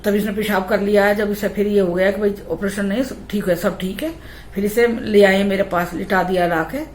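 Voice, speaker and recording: A woman's voice: mid-range voice, fairly even intonation, normal speed, darkish tone, echoey room, a little hiss or hum. A young adult woman vlogger telling a personal story in a chatty, repetitive way. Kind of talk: casual storytelling.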